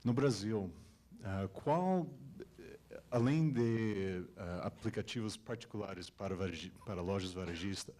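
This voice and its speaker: A man's voice: lowish voice, a little slow, warm tone. A man from the United States, a native English speaker, asking a question at a conference in American English-accented Portuguese, hesitantly searching for words. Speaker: audience member asking a question.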